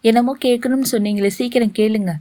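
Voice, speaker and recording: A woman's voice: on the high side, steady tone, fast, warm tone, no room sound, lightly acted. A woman voicing a flustered young woman who scolds and pleads, read as part of a story. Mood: indignant. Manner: indignant, pleading.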